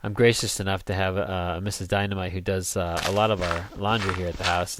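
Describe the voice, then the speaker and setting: A young man with a slightly low voice talks casually over a video game. He rambles between building tasks and cracks jokes. He sings goofy snippets now and then, and the sound suggests a desk microphone. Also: noisy background. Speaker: gaming let's play host. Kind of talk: casual gameplay commentary.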